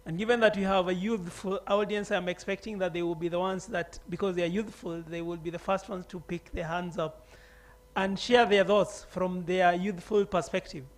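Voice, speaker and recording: A man's voice: high-pitched, fairly even intonation, moderate pace. A man moderating a conference session, coaxing the audience to speak up, with many fillers.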